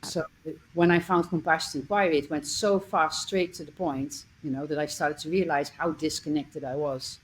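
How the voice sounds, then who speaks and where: A woman's voice: low voice, steady tone, moderate pace, few pauses, a little hiss or hum, poor audio. A middle-aged woman from the Netherlands, a coach speaking as a podcast guest and telling her story in an earnest, conversational way. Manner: earnest, listing experiences with small restarts.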